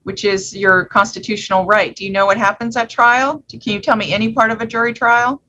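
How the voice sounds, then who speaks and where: Bright-voiced, patient female judge. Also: mid-range voice, steady tone, fairly quick, slight background noise, low-quality recording. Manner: patient, plain-spoken. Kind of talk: questioning a defendant in court.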